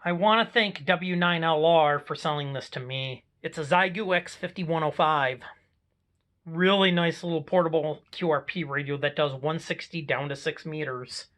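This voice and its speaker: A somewhat high-voiced American man, an amateur hobbyist, gives a casual homemade vlog walkthrough of his own gear. He talks at a moderate pace with a fairly bright tone.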